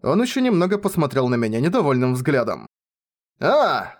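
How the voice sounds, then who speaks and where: A man reading a first-person novel aloud with expressive storytelling. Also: medium pitch, fast talker. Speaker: audiobook reader.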